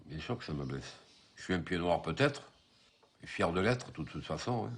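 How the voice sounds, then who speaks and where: A man's voice: deep voice, lively intonation, moderate pace, breathy edge. A man in his sixties, born in North Africa, speaking indignantly and a little hesitantly in a street interview. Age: 60s.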